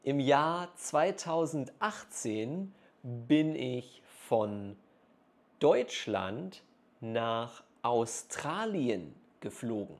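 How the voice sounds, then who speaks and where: Here the German teacher vlogger uses a medium pitch with big swings, speaking very slowly and deliberately so learners can follow. Pauses separate his carefully articulated phrases, captured indoors in a small room on a clip-on mic.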